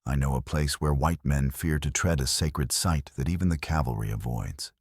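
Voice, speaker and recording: A man voicing a stern, weathered old Apache elder who speaks in a grave, measured, formal way. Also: rumbling low, breathy edge, no room sound, studio quality, heavily acted.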